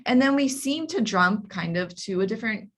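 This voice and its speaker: A woman's voice: medium pitch, animated, normal speed. A woman teaching an online writing workshop, explaining step by step with frequent ums and restarts. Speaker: library workshop instructor. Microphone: video call.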